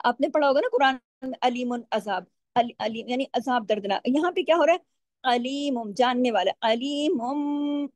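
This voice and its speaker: High-voiced woman teaching recitation. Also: a little mellow, dry recording. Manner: patient, asks questions and answers them herself; stretches out recited words slowly. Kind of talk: step-by-step tajweed lesson.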